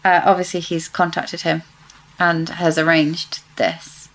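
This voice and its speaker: A woman's voice: sits low, level tone, measured pace, a bit bright, poor audio. A woman co-hosting a casual book discussion, chatty and speculative, often correcting herself mid-sentence. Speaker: podcast co-host.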